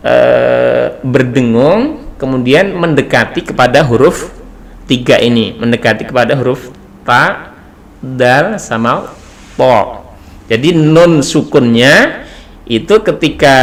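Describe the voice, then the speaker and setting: A man leads a Quran recitation lesson at an unhurried pace, his voice sitting in a middle register. He explains patiently and breaks into short chanted demonstrations of each sound. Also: mid-range voice, creaky. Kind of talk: tajwid lesson.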